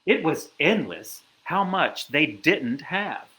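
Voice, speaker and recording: A man reading a children's storybook aloud in an animated, expressive way. His pitch moves widely and his pace is slow and relaxed. The room around him is roomy and echoey. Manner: animated, lively storytelling with asides. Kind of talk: reading a picture book aloud.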